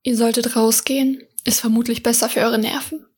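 A woman reading the lines of a cocky male assassin in a storybook, dry and mocking, with a breathy voice. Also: a little high, little pitch movement, fairly quick, a little mellow. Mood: teasing.

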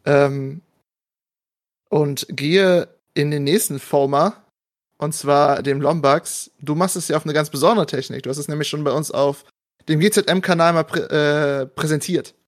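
A man's voice: on the high side, fairly even intonation, unhurried. A man moderating a panel and presenting casually, with a joking, self-deprecating manner.

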